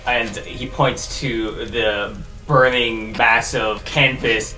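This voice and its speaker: Bright-voiced man in an echoey room. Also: mid-range voice, steady tone, takes it slowly, faint music behind. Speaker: player. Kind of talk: tabletop game play.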